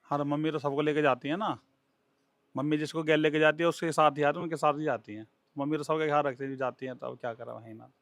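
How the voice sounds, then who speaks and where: A man's voice: a little high, fairly even intonation, fast, fairly bright tone, slight background noise. A man, giving plain, blunt answers to a reporter. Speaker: interviewee, son. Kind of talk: field interview answers.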